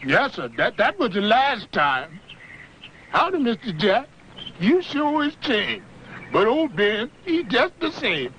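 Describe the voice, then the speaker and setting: Old Ben, a pleading farmhand. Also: male voice, very high-pitched, big pitch swings, slow, fairly bright tone, a little hiss or hum, heavily acted. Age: older. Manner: pleading, drawling dialect. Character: old male farmhand caught stealing, pleading. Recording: dull old film soundtrack.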